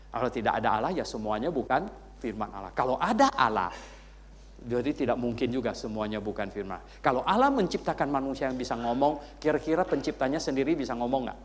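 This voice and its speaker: A pastor teaching a doctrine class, firing rhetorical questions and repeating points with teasing asides. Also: male voice, medium pitch, fairly quick. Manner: rhetorical questions, heavy repetition, animated jabs; tag fillers "ya loh" and teasing asides.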